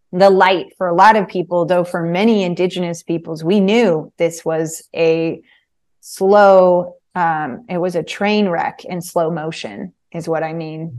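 A woman interviewer responds with earnest, reflective commentary. Her voice sits a little on the low side. She speaks in measured, short phrases, building her thought piece by piece. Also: darkish tone.

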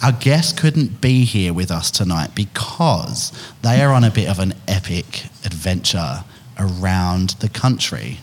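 Chatty Essex man hosting, low voice. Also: lively intonation, unhurried. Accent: Essex English. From England. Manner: chatty, jokey, playful. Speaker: podcast host. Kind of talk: casual chat. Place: bar venue with guests around a table.

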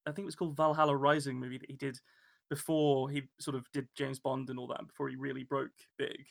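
A man co-hosting a podcast, chatting casually and halting often, with many restarts and filler words. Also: medium pitch, little pitch movement, creaky. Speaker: podcast co-host. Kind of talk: casual chat.

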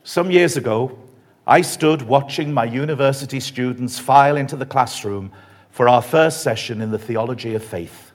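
A man preaching a retreat sermon, telling a story in a measured, reflective way. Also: medium pitch. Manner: measured, reflective, softly emphatic.

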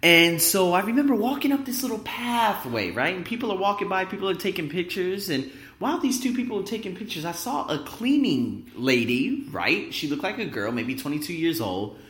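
A man's voice: sits high, big pitch swings, fairly quick, few pauses, fairly bright tone. A man hosting a podcast, giving an emphatic motivational monologue straight to his listeners, full of rhetorical questions, in a big echoing room. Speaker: podcast host. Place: indoor room at work. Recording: echoing, roomy sound in workplace room.

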